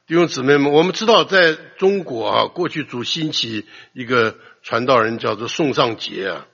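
A man preaching a sermon, telling stories in an animated way and acting out quotes with sudden loud outbursts, in a muffled lo-fi recording. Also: mid-range voice, vocal fry, breathy edge.

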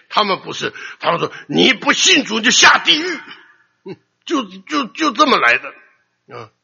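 A man preaching a sermon, telling stories in an animated way and acting out quotes with sudden loud outbursts, in a muffled lo-fi recording. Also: a little high, creaky, breathy edge.

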